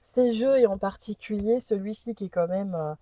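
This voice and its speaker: A woman's voice: medium pitch, moderate pace, mellow, no room sound. A woman host presenting an oracle deck in a casual chat, reading the card messages aloud and hesitating over unfamiliar names.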